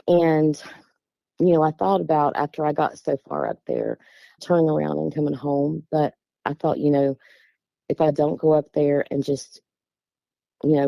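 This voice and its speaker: A middle-aged West Virginia woman with an Appalachian accent tells a personal story in a casual, plain-spoken, meandering way. Her voice is low, creaky and mellow, with no room sound. The recording is dull, lo-fi and dry, captured close.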